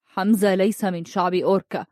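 Woman narrator doing a calm defiant blind young man, steady, quietly threatening, dark mellow tone, dry sound. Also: mid-range voice, brisk, no echo, close to an everyday voice. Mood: firm, defiant.

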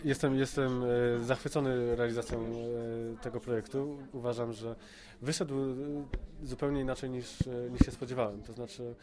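A man with a medium-pitched, fairly even voice speaks at a normal pace with few pauses. He's an amateur voice actor in a casual interview, hesitant and often repeating words, with a tongue-in-cheek streak. Busy crowd chatter fills the background.

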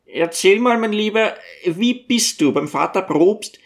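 Lockender älterer Geistlicher, hoch gesprochen, vom Vorleser verstellt. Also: male voice, sits high, expressive, unhurried, pitched above the performer's own voice. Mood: coaxing. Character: coaxing older male archpriest.

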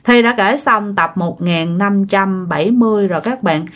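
A woman telling ghost stories in a casual spoken way, lively and repeating phrases to build suspense. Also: mid-range voice, normal speed. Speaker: ghost story narrator.

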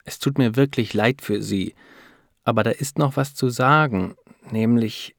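A man's voice: medium pitch, unhurried, vocal fry, fairly bright tone, dry recording, clean studio sound. A man voicing a serious female lab doctor who speaks earnestly and hesitates over bad news. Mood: hesitant serious.

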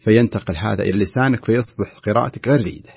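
Gravelly fast-talking recitation teacher, man. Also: on the low side, no room sound, lo-fi sound. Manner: corrective, demonstrates recitation aloud. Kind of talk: on-air recitation coaching.

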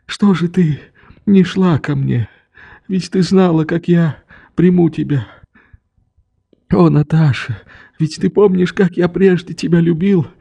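A man's voice: high-pitched, vocal fry, dark tone, husky, voice pushed up, heavily acted. A man reading the part of an old grieving father who tenderly begs his daughter's forgiveness, in a trembling, pleading voice. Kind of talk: audiobook reading.

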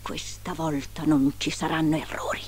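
A woman voicing a wicked, vain queen who speaks in a low, hushed, scheming whisper. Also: big pitch swings, takes it slowly, breathy edge, soft background music, heavily acted.

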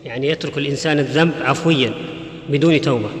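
A man reading listeners' questions aloud to a scholar, quick and slightly hesitant. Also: medium pitch. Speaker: reader of questions. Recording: echoey hall with long reverb.

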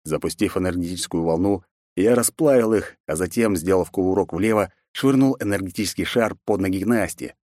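A man's voice: sits low, brisk, darkish tone, no echo, studio quality. A man narrating a first-person fantasy audiobook in a wry, sardonic way.

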